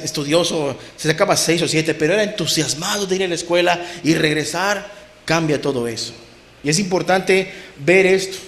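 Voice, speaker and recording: A middle-aged male pastor preaching with passion, his fairly high voice dropping soft and then rising loud to stress a point. The recording has a roomy echo. He talks straight to the congregation. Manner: impassioned, swings from soft to loud emphasis. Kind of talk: sermon.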